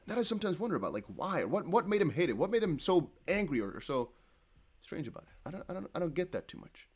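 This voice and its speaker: A young Dutch-native crypto streamer reads his viewers' comments aloud while rambling in a casual, chatty, self-correcting way. His voice is a bit high, slightly rough, and sing-song, and he speaks fast.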